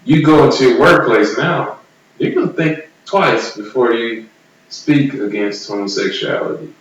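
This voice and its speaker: A man's voice: mid-range voice, big pitch swings, measured pace. A laid-back man, co-hosting a casual chat show. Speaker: show co-host. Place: echoey room, away from the mic. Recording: very echoey room, distant mic, faint noise.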